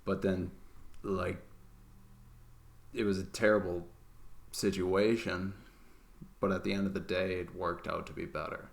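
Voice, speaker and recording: Young man, casual podcast chat, deep pitch, lots of filler words. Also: little pitch movement, unhurried, gravelly, pauses often. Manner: swearing, filler-heavy, rambling. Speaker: podcast co-host.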